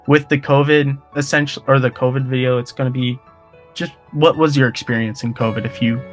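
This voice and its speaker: Young male interviewer, informal and relaxed. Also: medium pitch, fairly quick, faint music behind. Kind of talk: casual interview questions.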